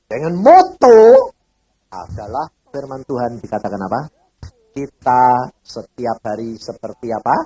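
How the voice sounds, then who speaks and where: A man's voice: medium pitch, moderate pace, slightly rough. A man preaching a sermon, telling stories and asking the congregation rhetorical questions. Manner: animated storytelling with wide swings between loud and soft. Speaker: evangelist preacher. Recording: old cassette recording of a sermon.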